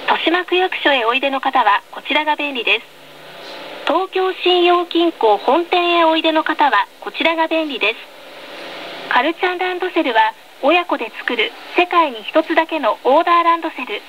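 A woman's fairly bright, high voice carries lively intonation at a moderate pace as she reads tram announcements with polite, precise diction. The scripted onboard message comes from a noisy field recording of the tram's speaker, highs cut off, with running noise underneath.

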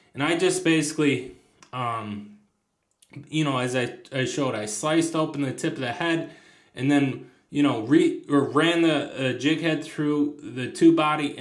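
A man casually showing fishing lures at a table, rambling with lots of ums and restarts. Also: on the high side. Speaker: fishing channel host. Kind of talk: casual tabletop lure demo. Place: indoors at a tabletop, hands on camera. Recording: echoey room.

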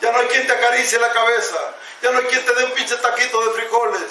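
With a Mexican Spanish accent, a man gives a raw, impassioned personal testimony at a recovery meeting, swearing heavily and addressing his listeners as companions. His voice is extremely high, fast, pushed and bright with little pitch movement. He's recorded from afar in an echoey hall, with a little hiss or hum.

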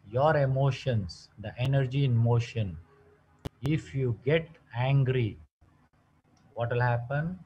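A man's voice: medium pitch, slight background noise. A man giving a motivational health talk, telling stories and asking lots of rhetorical questions. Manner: lively storytelling with frequent rhetorical questions. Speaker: wellness talk presenter. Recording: dull lo-fi sound.

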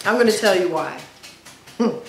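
Her voice sits in the mid range, animated and at a normal pace, with an echoey room and slight background noise. She's a vlogger in her forties talking casually to the camera set up before her, indoors at home by a plain wall, cheerful and playful and often exclaiming.

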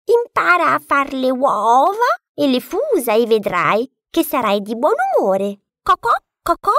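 A bossy clucking hen. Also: female voice, sits high, big pitch swings, unhurried, bright, forceful tone, no room sound, studio quality, voice pushed up, heavily acted. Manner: stutters into clucks.

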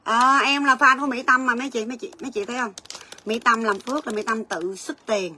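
Woman, chatty livestream seller, bright voice, fairly high pitch. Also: fairly even intonation, slight background noise. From Vietnam. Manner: chatty, rapid price calls, storytelling asides. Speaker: gold shop livestream seller. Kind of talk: livestream sales chat.

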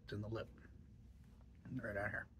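A man's voice: fairly low pitch, monotone, moderate pace, fairly bright tone, a little hiss or hum. A middle-aged man chatting casually in a vlog, musing and hesitant, with dry jokes. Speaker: tobacco reviewer.

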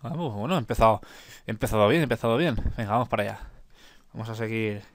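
A man's voice: fairly low pitch, fast talker, no echo, studio quality. A man commenting on a mobile game, cursing when he fails and urging himself on to keep playing. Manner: swears in frustration, urges himself on. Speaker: gameplay commentator. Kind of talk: casual gameplay commentary.

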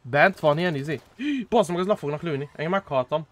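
A young man streaming a role-play game, chatting casually and excitably with friends, swearing often and jumping into high squeals. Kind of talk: casual gaming chat with friends.

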